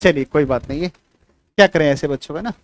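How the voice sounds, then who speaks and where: A man's voice: fairly high pitch, brisk, dry recording. A man teaching a classroom lecture, who keeps asking whether the students have understood and scolds them now and then.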